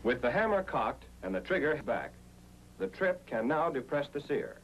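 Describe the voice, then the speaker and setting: An American man with a medium-pitched, very animated voice narrates a military training film at a moderate pace, in the style of the 1940s. He explains things methodically, step by step. The soundtrack is noisy and hums, typical of 1940s film.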